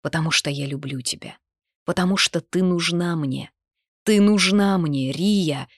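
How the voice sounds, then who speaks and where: A woman reading the lines of a tormented young male mage in an audiobook, low-voiced and pleading. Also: normal speed, no room sound, clean studio sound. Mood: desperate. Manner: tense, then pleading and desperate.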